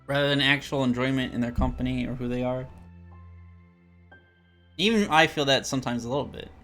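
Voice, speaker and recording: A man streaming a visual novel, narrating its text and chatting casually, with jokes and loud outbursts. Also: mid-range voice, brisk, faint music behind.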